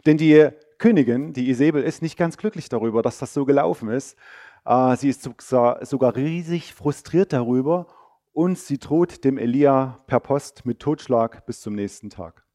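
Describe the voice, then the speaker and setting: A man delivers a sermon as a lively, chatty story and turns again and again to speak to his listeners directly. His voice sits in a middle register with a warm, mellow tone. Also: medium pitch, normal speed. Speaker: preacher.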